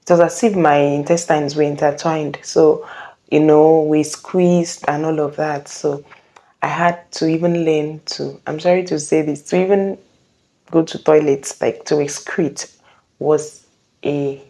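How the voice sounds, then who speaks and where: A young woman telling a personal testimony in a casual way. She speaks earnestly and haltingly, often pausing and correcting herself. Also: low voice, steady tone, warm tone. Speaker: vlogger sharing a personal testimony.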